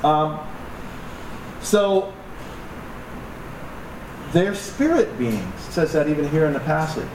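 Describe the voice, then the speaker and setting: A pastor with a slightly high, expressive voice preaches slowly to his congregation, pausing often and joking conversationally with asides to the crowd. The recording is noisy and echoey, picked up by a distant mic.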